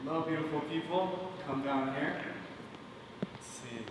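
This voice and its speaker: A man's voice: a little high, measured pace, heavy background noise. Young male magician, playful stage patter, echoey theater recording. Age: 20s. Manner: playful, joking with an audience volunteer. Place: large indoor theater stage. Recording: echoey theater hall, distant mic.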